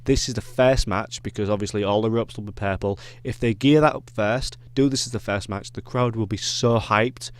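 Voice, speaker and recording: A man's voice: on the low side, moderate pace, few pauses, no echo. A man with a Yorkshire accent giving casual wrestling predictions, rambling with lots of ums and self-corrections. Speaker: wrestling reviewer.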